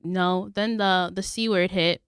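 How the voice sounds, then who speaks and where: A woman's voice: lowish voice, steady tone, unhurried, smooth, no echo, studio quality. A young woman from the Bronx, co-hosting a casual podcast chat, laughing often and saying "like" a lot. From Bronx, New York. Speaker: podcast co-host.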